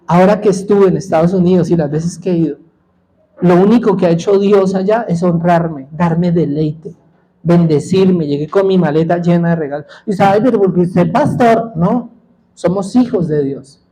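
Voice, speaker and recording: A male pastor preaching a sermon in a church, with a high-pitched voice for a man. His tone is mellow and soft-edged rather than bright. He asks the congregation questions and leaves gaps for them to call back the answers. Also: normal speed, slightly rough, poor audio. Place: church sanctuary.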